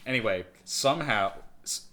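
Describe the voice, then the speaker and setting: A man's voice: mid-range voice, expressive, moderate pace, bright, forceful tone. A man co-hosting a casual movie-review podcast, rambling and sarcastic with lots of fillers. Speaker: podcast co-host.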